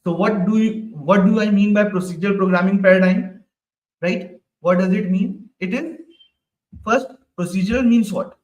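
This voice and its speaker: A man with a high voice leads a live online programming lesson at a moderate pace, asking the class the same questions over and over and finishing lines with "right?". The audio is dull, with an echoey room and a distant mic.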